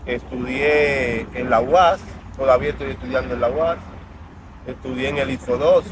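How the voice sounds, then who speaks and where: With traffic noise from outdoors in the background, a Dominican man shares his life story as an interview guest. He speaks at a medium pitch and normal speed, in an earnest, reflective way.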